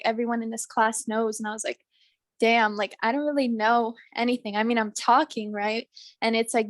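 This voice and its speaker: Young woman sharing haltingly on a video call. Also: fairly high pitch, no room sound. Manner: halting, heavy on fillers, tearful at moments. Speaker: student.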